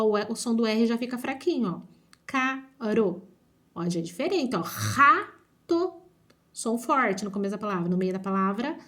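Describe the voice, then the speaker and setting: A woman teaching an online phonics lesson, drawing out each syllable slowly and often checking whether the children follow. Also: on the high side. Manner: slow, drawn-out syllables with frequent checking questions. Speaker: primary school teacher.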